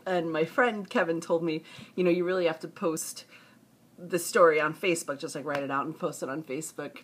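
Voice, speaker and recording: A woman's voice: sits low, brisk, husky. A mother telling a personal story casually, often breaking into laughter. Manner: breaks into laughter, giggly and animated.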